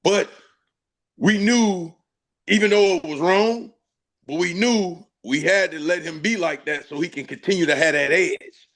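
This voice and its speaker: A man's voice: high-pitched, unhurried, fairly bright tone. A man guesting on a sports talk show, a former football player speaking in emphatic, slangy casual chat with laughing asides.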